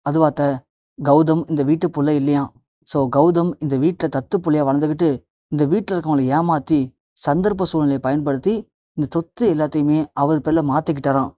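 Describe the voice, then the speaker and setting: A calm young daughter-in-law from a retold TV serial soothes and reassures, read out by the narrator. The tone is mellow and warm. The sound is dry and close. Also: medium pitch, brisk, dry recording, highs cut off, lightly acted. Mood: explaining.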